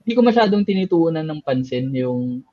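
A man's voice: on the high side, big pitch swings, a little fast, warm tone. A man co-hosting a podcast, talking candidly and hesitantly, often trailing off with fillers. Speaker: podcast co-host. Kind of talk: casual candid chat. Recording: dull lo-fi sound.

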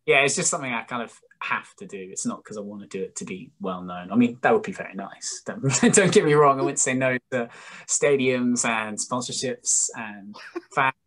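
A British singer-songwriter in his early 20s talks as a guest in a casual chat interview, with a mid-range, fairly bright voice at normal speed. He's informal, self-mocking, and jokey, rambling as he goes.

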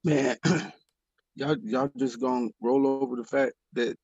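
A man with a gravelly, husky voice, reflecting in a slangy, casual Bible study discussion. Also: medium pitch, fairly even intonation, slow pace, a little mellow, no echo, muffled recording. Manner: reflective, slangy, says bro.

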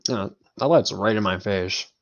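Casting: young adult man, fairly low voice, casual joking gamer-bro banter among friends, dull lo-fi recording. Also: moderate pace. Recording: dull lo-fi mic sound.

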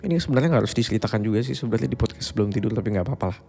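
A twenty-something man hosts a casual bedtime podcast, speaking reflectively and confidingly and dropping in English phrases. His lowish voice is a little mellow and creaky, racing along with lively intonation. The recording has a long reverb and faint music underneath.

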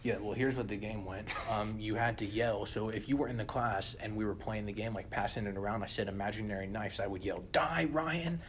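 A young man co-hosting a podcast in casual chat, animated and often turning to listeners with "listen". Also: lowish voice, fast talker, hardly any pauses. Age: young adult. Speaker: podcast co-host.

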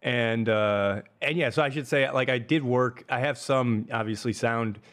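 A young man with a Midwestern American accent, mid-pitched, talks through his music in a loose, halting ramble. He stops and restarts his thoughts often and fills the gaps with ums and uhs. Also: a bit bright. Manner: rambling, halting, many fillers and laughs. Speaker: musician guest. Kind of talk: casual podcast chat.

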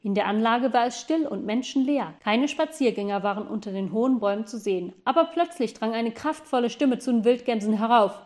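Woman calmly reading a storybook aloud. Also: a little high, a little fast, hardly any pauses. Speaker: narrator. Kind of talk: audiobook storytelling.

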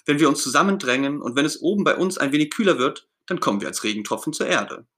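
A man voicing a shy, sad little lost cloud lamb in a storybook reading, speaking softly and timidly. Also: on the high side, animated, quick pace, pitched above the performer's own voice. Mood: wistful. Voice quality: soft, fine, timid voice.

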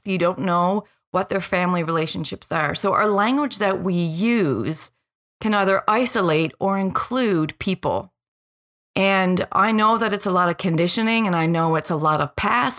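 A podcast host in her forties delivers a personal, reflective monologue in a slightly low yet fairly bright voice. She addresses listeners directly, speaking earnestly and deliberately.

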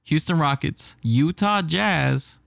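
A man talking basketball in a relaxed chat, laughing often and trailing off mid-thought. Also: fairly high pitch, takes it slowly, gravelly, no echo, clean studio sound. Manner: laid-back, laughs often, trails off and restarts.

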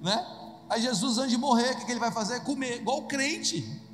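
A Brazilian man preaching a humorous sermon in a church, telling the story in a lively, joking way and acting out the voices. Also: very high voice, normal speed. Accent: Brazilian Portuguese. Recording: echoey hall with soft music.

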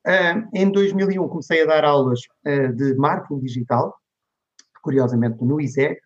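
A man's voice: on the high side, moderate pace. A middle-aged man from Portugal with a European Portuguese accent, a lecturer telling stories in an interview and voicing the people he quotes. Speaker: guest, digital marketing lecturer. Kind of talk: conversational interview storytelling. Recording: dull lo-fi recording.

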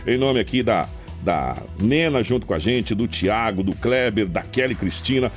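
A man's voice: lowish voice, lively intonation, normal speed, soft background music. A man with a Brazilian Portuguese accent hosting live radio, announcing emphatically and speaking straight to listeners like a salesman. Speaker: radio news show host. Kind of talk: live radio presenting with sponsor reads. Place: radio studio.

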